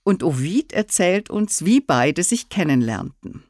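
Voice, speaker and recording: A woman narrating, reciting classical verse in a measured, declamatory way with expressive swells. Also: lowish voice, no room sound, clean studio sound.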